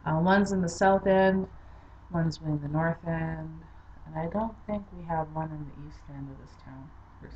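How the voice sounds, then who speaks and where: A woman's voice: fairly low pitch, muffled recording, a little hiss or hum. A woman from Saskatchewan chatting casually to her channel as a vlogger, upbeat and rambling with fillers. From Saskatchewan, Canada. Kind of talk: casual chat to camera.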